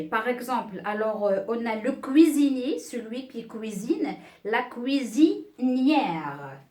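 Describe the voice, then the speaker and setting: A woman teaching beginners, with a slightly high voice and an unhurried, deliberate pace. She repeats each word and keeps checking that her pupils follow. The sound is echoey, as if recorded in a bare room. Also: a little mellow. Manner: slow, patient, repeats words and checks with "d'accord?". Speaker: French teacher. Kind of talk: beginner French lesson.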